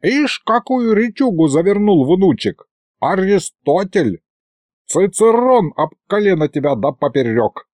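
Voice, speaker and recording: A cranky old grandpa, put on by a male reader hollers and scolds in a folksy manner. His voice is raised and lively, with a mellow tone. It is a dry, close storybook recording. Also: high-pitched, a little slow, no room sound, voice pushed up, full character voice. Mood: gushing. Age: older.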